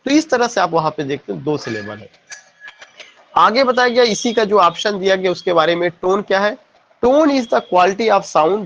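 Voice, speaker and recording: A man's voice: fairly high pitch, fairly bright tone, dull audio. A man teaching an exam-prep lesson, switching between Hindi and English and asking rhetorical questions before answering them.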